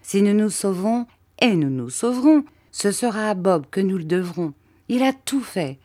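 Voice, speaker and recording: A woman's voice: mid-range voice, sing-song, moderate pace, warm tone, no room sound, clean studio sound, voice pushed up. A woman reading the part of an eager, emotional young boy in an audiobook. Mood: earnest. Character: boy Mathia, loyal and excited friend.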